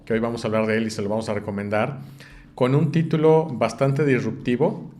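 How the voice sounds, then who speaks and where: A man's voice: mid-range voice, steady tone, a little fast, warm tone. A man hosting a business podcast, welcoming guests formally and asking questions with frequent fillers. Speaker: podcast host.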